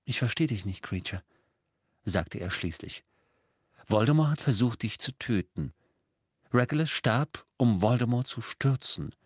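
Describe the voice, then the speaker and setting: A man's voice: mid-range voice, animated, measured pace, pauses often, breathy edge, no echo, clean studio sound. A man voicing a determined teenage boy wizard who speaks insistently and urgently. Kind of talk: audiobook character voicing.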